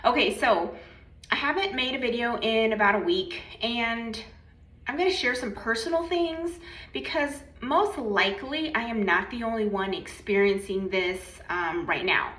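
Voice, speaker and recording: A woman giving a casual personal testimony in an informal, halting storytelling way, recorded in an echoing bathroom. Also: fairly high pitch, animated, a bit bright. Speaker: video creator sharing prophetic dreams. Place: bathroom at home. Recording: echoey bathroom reverb.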